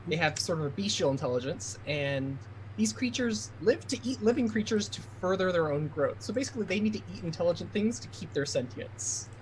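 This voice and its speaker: A man's voice: high-pitched, slight background noise, low-quality recording. A man running a tabletop game as game master, narrating scenes and explaining them to players.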